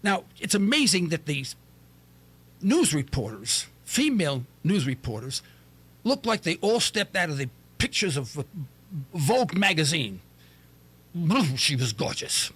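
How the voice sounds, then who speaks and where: A middle-aged man spins a comic story on his radio show with a high, lively voice that swoops all over. His tone is bright and a little husky. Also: measured pace. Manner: animated, jokey, mimics voices in falsetto. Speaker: talk radio host.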